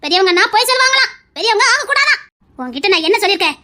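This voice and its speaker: A woman's voice: very high-pitched, very animated, rapid-fire, pushed and bright, heavily acted. A woman playing a stern old grandmother who lectures the family, with a Tirunelveli Tamil accent. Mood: lecturing. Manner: scolding, lecturing the youngsters.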